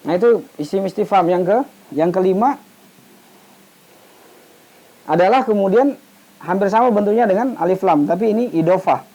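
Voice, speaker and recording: The recording is low in quality, but this man's high-pitched, warm voice comes through at a moderate pace with frequent pauses. Teaching Islamic studies informally, he asks questions and answers them himself, often going back to complete half-said words.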